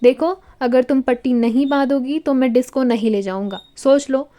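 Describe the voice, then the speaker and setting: A woman voicing a calm, wealthy young husband who humors his tipsy wife in a storybook. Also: sits high, normal speed, natural voice. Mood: dry. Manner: calm, dry, indulgent. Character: cool, wealthy young husband, amused and patient.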